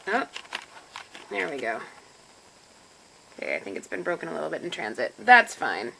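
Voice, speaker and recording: A woman's voice: low-pitched, sing-song, normal speed, gravelly, noisy background. A woman chatting casually to camera in a home vlog, self-deprecating and talking while she eats. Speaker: vlogger. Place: home room with computer.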